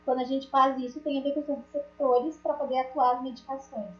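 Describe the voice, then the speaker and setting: A high-pitched woman teaches an online class, chatty and full of small jokes as she talks straight to her students. Her voice comes through a dull, lo-fi call with a roomy echo. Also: flat delivery, fairly quick. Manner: chatty, jokey, addresses students directly.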